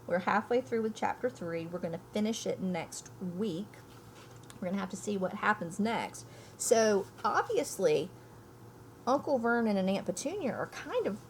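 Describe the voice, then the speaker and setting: With a slightly low voice, this woman teaches a read-aloud lesson, reading a storybook and explaining it for her young listeners. She is an elementary school teacher who speaks emphatically and thinks out loud. A little background noise is audible.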